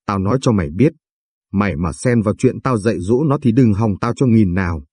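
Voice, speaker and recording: A vicious, foul-mouthed older mother-in-law, put on by a man narrating a storybook, hurling abuse and scolding nonstop. The voice sits low and dark with a husky edge, close and dry. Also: lively intonation, fairly quick, no room sound. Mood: furious. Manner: shouting, abusive, vulgar scolding.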